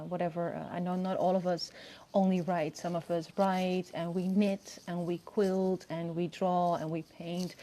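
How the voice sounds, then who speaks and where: Mellow, low-voiced woman vlogging outdoors. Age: early 30s. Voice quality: low, soft-spoken voice. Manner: hesitant, rambling delivery with self-corrections. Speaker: video host. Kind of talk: casual monologue to camera. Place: outdoors on a balcony in open air.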